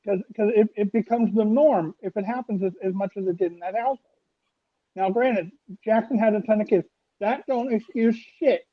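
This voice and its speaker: Man, podcast co-host, stammering, high voice, dry muffled recording. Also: moderate pace, no echo. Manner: stammering, repeats words. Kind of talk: casual group debate. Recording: dull, muffled mic.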